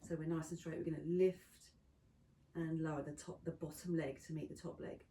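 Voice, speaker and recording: A woman instructor leading a pilates class, counting down reps and giving steady step-by-step cues. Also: low-pitched, fairly quick, a little hiss or hum. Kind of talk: guided exercise class cueing. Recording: echoey room from a distance.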